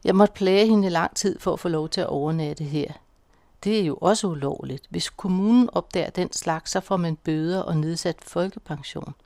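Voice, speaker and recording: A woman's voice: on the low side, creaky, darkish tone, no echo. A woman voicing a crude, jealous old man who bellows insults from his sickbed after a stroke. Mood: boastful.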